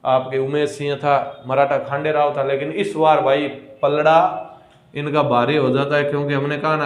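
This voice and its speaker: A man with a Rajasthani accent giving a history lecture for exam students, repeating key words slowly and asking questions he answers himself. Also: a little high, echoey room. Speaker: exam coaching teacher.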